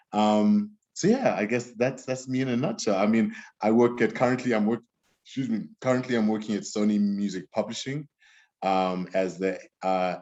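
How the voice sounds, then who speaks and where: A Zimbabwean music executive in his thirties, with a lowish, darkish voice, chats casually as an interview guest. He rambles, often restarting sentences and filling gaps with fillers, and the recording has a dull lo-fi sound.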